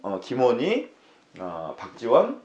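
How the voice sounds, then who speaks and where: A man's voice: medium pitch, huge pitch swings, slow, a little mellow, echoey room, highs cut off. A man in his fifties from the Mokpo area, a candidate telling stories as a guest in a casual talk show interview. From South Korea, Mokpo area. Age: 50s. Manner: talkative storyteller, laughs while telling anecdotes.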